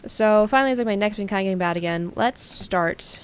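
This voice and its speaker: A woman's voice: mid-range voice, fairly quick, clear, resonant tone. Rambling, foul-mouthed female gamer. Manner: rambling, swears freely, blunt. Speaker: let's play streamer. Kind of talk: casual gameplay chat.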